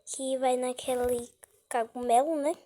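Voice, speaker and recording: A high, steady, mellow voice belongs to this gaming host, who has a cold and speaks a little slowly. She gives casual, talkative commentary on her game, is easily startled and often falls to a whisper.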